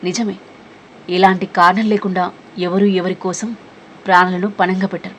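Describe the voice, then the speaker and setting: A woman voicing a mysterious, calm young man in a spoken romance story, talking quietly and evenly. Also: a little hiss or hum, lightly acted. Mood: calm, teasing. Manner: quiet, low and measured.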